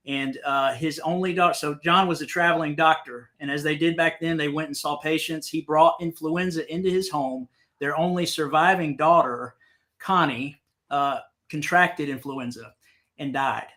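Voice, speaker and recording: A man from South Carolina with a light Southern accent tells a story earnestly as a webinar guest. His voice is bright and forceful and sits fairly high for a man, and he sometimes restarts a phrase mid-thought. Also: fairly even intonation, moderate pace. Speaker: guest, nonprofit executive. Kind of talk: conversational storytelling.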